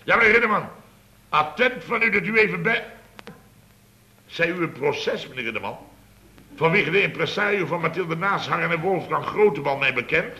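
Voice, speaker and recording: In this circa-1970 Dutch radio comedy, a male actor with a Netherlands Dutch accent voices an indignant, blustering building-firm boss who grumbles long-windedly and sputters in exasperation, sounding flustered. His fairly high voice is animated and sharp at a moderate pace, on a hissy old radio recording with dull audio.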